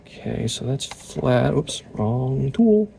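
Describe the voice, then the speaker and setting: A man with a gravelly, creaky voice talks through a guitar repair in his workshop, chatting loosely and muttering to himself as he works. Faint plucked strings ring now and then in the background. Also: mid-range voice, sing-song, takes it slowly, warm tone. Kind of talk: casual talk-through while working.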